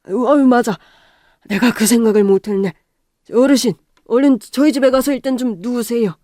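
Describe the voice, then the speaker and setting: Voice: mid-range voice, a little fast, warm tone, dry recording, clean studio sound, lightly acted. A voice actor playing a middle-aged male building owner who speaks curtly and businesslike in a radio drama. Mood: apologetic. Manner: curt, businesslike.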